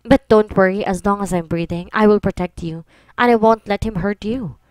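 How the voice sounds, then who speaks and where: A woman's voice: mid-range voice, moderate pace, darkish tone, no room sound, natural voice. Woman voicing a protective mafia husband. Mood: reassuring. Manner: tender, reassuring.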